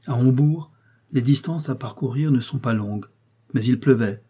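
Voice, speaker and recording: A man narrating a classic novel in the first person, with a measured literary reading. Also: medium pitch, mellow, breathy edge. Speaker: audiobook narrator.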